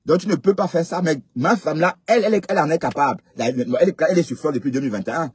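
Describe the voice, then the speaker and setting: Husky-voiced man hosting a live stream. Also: on the high side, very fast. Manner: chatty, scolding, addresses commenters directly. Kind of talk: casual live stream talk.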